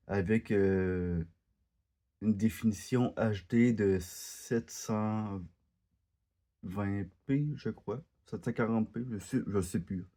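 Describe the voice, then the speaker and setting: This man, a gaming content creator from Quebec, Canada, speaks with a Québécois French accent in a fairly low, warm voice. He chats casually while playing, hesitant and full of fillers and false starts.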